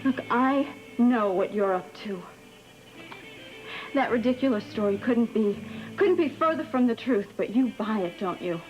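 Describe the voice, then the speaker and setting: A woman's voice: a little high, animated, a little slow. An actress playing a proud, defensive, guarded young woman in a television soap opera. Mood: indignant. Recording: dull old TV soundtrack, music underneath.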